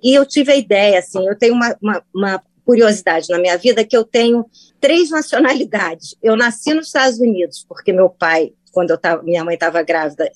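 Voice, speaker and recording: A woman from Brazil, guesting on a radio show, talks at length about her music in an informal, wandering way, full of restarts. Her voice is dry and close with no room echo. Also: mid-range voice. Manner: warm, rambling, with many restarts. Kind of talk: radio interview.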